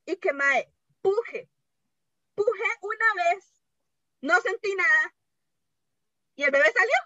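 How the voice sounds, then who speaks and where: A woman's voice: very high-pitched, animated, slow pace, pushed and bright, dry recording, lo-fi sound. A woman with a Costa Rican accent telling a dream in casual chat, rambling and sprinkling in English. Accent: Costa Rican Spanish. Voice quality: chatty, rambling, mixes in English.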